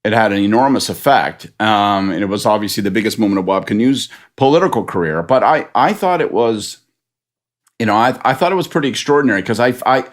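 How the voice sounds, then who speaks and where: A man's voice: fairly low pitch, animated. A man on a political podcast panel, talking things through with frequent restarts. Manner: halting, many restarts, thinks aloud. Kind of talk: casual panel chat.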